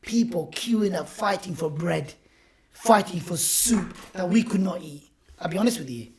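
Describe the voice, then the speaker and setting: A man, an aid worker telling stories in an interview, animated and heartfelt. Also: high voice, normal speed, a crowd in the background. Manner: animated, heartfelt, repeats himself. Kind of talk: emotional storytelling.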